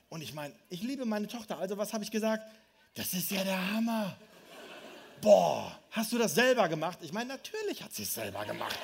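A man in his thirties preaching a lively, humorous sermon, telling family stories and speaking directly to the congregation. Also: sits high, slight background noise. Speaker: pastor.

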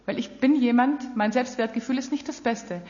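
Woman, sermon, earnest direct address, fairly high voice, dull muffled sound, long hall reverb. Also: moderate pace, a little mellow. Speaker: preacher.

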